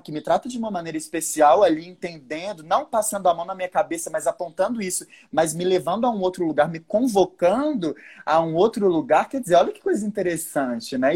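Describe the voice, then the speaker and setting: A woman's voice: lowish voice, animated, brisk, few pauses, darkish tone, slightly rough. A woman in a casual podcast conversation, talking thoughtfully and searching for her words.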